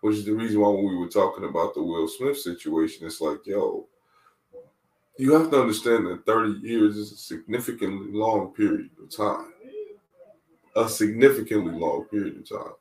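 A man in his twenties speaks as an interview guest, measured and reflective, often repeating a phrase to drive it home. His voice sits on the low side. The recording is roomy and echoey, as if he sits some way back from the microphone. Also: darkish tone. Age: 20s. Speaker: guest, mental wellness coach. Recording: roomy sound, distant from the mic.

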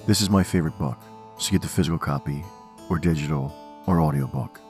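An extremely low-voiced man plays the horror host, his voice crackling with gravel. He narrates in a theatrical, ominous way, like someone reading scripted tales of dread, with music faintly underneath. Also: lively intonation, fairly quick, darkish tone.

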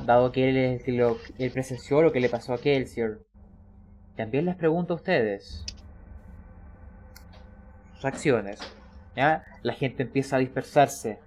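A man runs a tabletop game as game master. He narrates and explains each scene, pausing often to check that his players follow. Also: mid-range voice, a little mellow, a little hiss or hum. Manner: explanatory, frequent checking questions.

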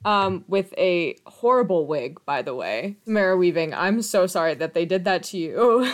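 A woman with a slightly low voice co-hosts a casual film podcast. She talks candidly, swears freely and laughs often. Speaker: podcast co-host.

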